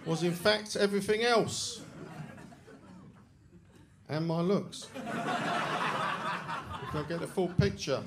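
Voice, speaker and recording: A middle-aged man with a London accent delivers dry, self-deprecating stand-up into a handheld mic on a comedy club stage. His voice sits a little high for a man. Loud audience laughter fills the club behind him. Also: slow pace, long pauses, heavy background noise. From England.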